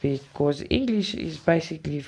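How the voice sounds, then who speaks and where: With a deep, darkish voice that is creaky and slightly rough, an expressive South African woman speaks at normal speed to her live cross-stitch audience. Her first language is Afrikaans, and her casual chat is effusive, chatty and full of repeated words.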